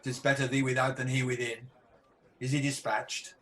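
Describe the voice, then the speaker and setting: A man's voice: medium pitch, flat delivery, moderate pace, pushed and bright, natural voice. An amateur actor playing a guilt-haunted tyrant king with a hospitable surface in a Shakespearean radio play. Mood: hushed, conspiring.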